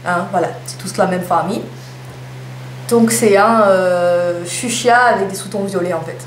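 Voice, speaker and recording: A young beauty vlogger with a lowish voice talks at a measured pace, chatting casually through a lipstick haul with playful, self-mocking asides. The room is echoey with a faint hum.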